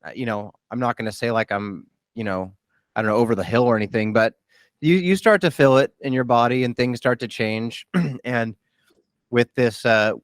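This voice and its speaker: A man's voice: medium pitch, moderate pace, no room sound. A man in his thirties hosting a casual interview, talking candidly and self-deprecatingly about his own injury, with frequent restarts. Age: 30s. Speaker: podcast host and athlete.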